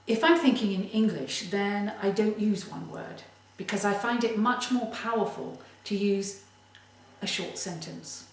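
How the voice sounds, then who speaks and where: A woman giving a motivational tip as a creativity coach, speaking in a deliberate, emphatic way. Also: mid-range voice. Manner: slow, deliberate, emphatic delivery. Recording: very echoey room, distant mic.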